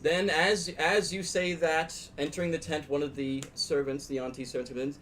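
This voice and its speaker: A man working as game master, improvising narration for a tabletop fantasy game in a halting way. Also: on the high side, fairly even intonation, a bit bright, slight background noise. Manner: halting, repeats words as he improvises.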